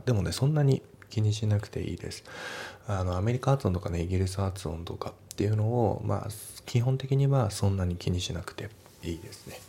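A man teaching English in a relaxed, explanatory way, talking through a practice question with many fillers. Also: deep voice, vocal fry, a little hiss or hum. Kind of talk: casual lesson walkthrough.

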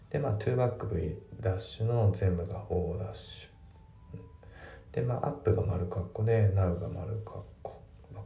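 A male English teacher explaining grammar and pronunciation step by step, reading example sentences slowly. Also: lowish voice, vocal fry, warm tone. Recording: echoey room, distant mic.

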